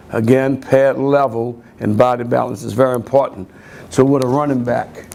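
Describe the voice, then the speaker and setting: A man's voice: medium pitch, vocal fry, darkish tone. A man coaching running backs, explaining drills step by step in a plain, repetitive way. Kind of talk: coaching instruction.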